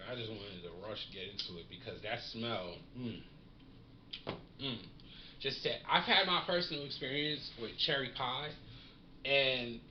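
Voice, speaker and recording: A relaxed man in a casual slangy vlog, savoring and reviewing what he smokes. His voice sits at a middle pitch in a roomy space. The recording is dull and lo-fi with a faint hiss underneath. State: smoking while talking. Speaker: cannabis reviewer.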